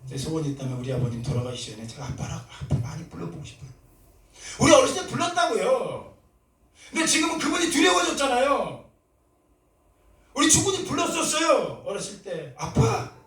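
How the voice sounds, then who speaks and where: A middle-aged man preaching a sermon with passion, moving between soft talk and shouted cries. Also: high voice, sing-song, fairly quick. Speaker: pastor. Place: church sanctuary. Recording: roomy church echo, from a distance.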